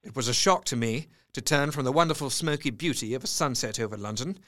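A man's voice: medium pitch, fairly bright tone, natural voice. A man playing Doctor Seward, earnest young doctor. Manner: measured, earnest reading. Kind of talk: radio drama, reading letters and diary entries.

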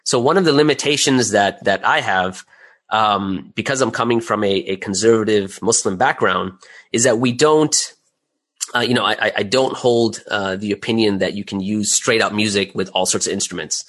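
At a normal speed, a man with a lowish, slightly bright voice gives a casual, step-by-step explanation. An audio drama creator and voice actor on as an interview guest, he keeps checking in with the listener using rhetorical "right?" questions.

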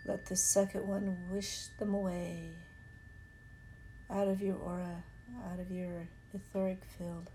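A woman guides a meditation at a very slow, soothing pace, leaving long gaps between phrases. Her medium-pitched voice sits in an echoey space, with loud ringing singing bowls and chimes humming behind it. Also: little pitch movement, noisy background. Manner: soothing, unhurried, with long pauses.

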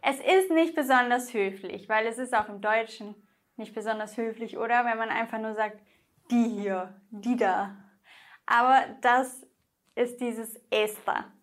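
Slow, careful woman teaching grammar. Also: on the high side. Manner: slow, careful explanations with drawn-out example words; talks directly to the viewer. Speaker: Spanish teacher. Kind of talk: explaining Spanish grammar in German.

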